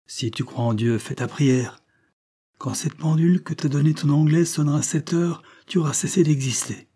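A man's voice: a little high, moderate pace, dark tone, husky, pitched above the performer's own voice. A man voicing a hard, vengeful escaped convict in an audiobook. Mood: menacing. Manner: hard, inflexible.

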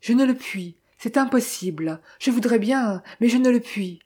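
A woman's voice: a little high, moderate pace, a little mellow, slightly rough, voice pushed up. A woman reading the part of a troubled young woman, sorrowful and pleading.

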